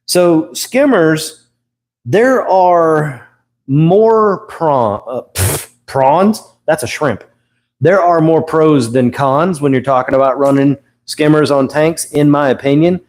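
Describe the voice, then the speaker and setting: A man's voice: on the high side, slow, darkish tone. Middle-aged male stream host, easygoing, rambly, corrects himself mid-sentence. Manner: rambling, self-correcting, chuckles often. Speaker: host of an aquarium livestream. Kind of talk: casual livestream teaching.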